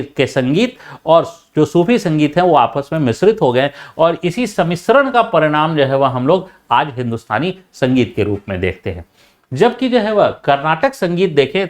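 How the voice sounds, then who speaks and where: A man giving an explanatory lecture on music, full of filler phrases and restarts, and at times he shows loud and soft speaking as he talks. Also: fairly high pitch. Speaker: teacher.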